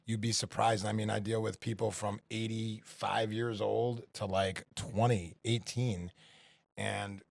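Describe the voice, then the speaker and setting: A man's voice: lowish voice, flat delivery, a little slow, gravelly, dry recording. A man talking as a podcast guest in loose, upbeat casual chat, full of fillers.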